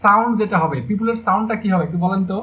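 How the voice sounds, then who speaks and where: A man's voice: high voice, very fast, bright, forceful tone, poor audio. A young man teaching an online English grammar class, repeating questions and explaining step by step. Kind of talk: online exam-prep lecture.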